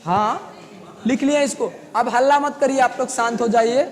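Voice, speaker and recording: A hoarse male teacher lecturing a classroom and dictating notes, repeating each line slowly and hushing the students. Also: very high voice, long reverb tail. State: hoarse, sore throat.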